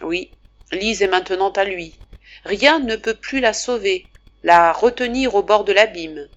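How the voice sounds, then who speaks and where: A woman narrating a classic novel as an audiobook, reading in a measured, expressive way. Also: medium pitch, muffled recording.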